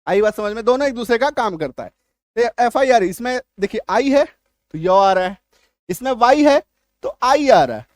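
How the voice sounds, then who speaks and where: A man teaching an English reading lesson in a classroom style, slowly drilling pronunciation and often asking if it is clear. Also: extremely high pitch, expressive, no room sound, studio quality. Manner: keeps checking understanding with questions.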